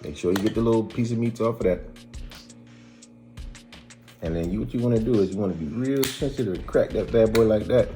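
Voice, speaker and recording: A man's voice: lowish voice, brisk, pauses often, mellow, faint music behind. An American man hosting a casual how-to vlog, chatting in a folksy, colloquial way. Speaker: video host.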